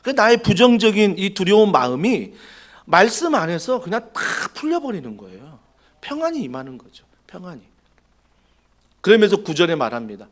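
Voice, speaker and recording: Male pastor, lively high voice, dramatic sermon delivery in a church. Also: normal speed. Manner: dramatic, acts out quoted dialogue, asks the congregation questions.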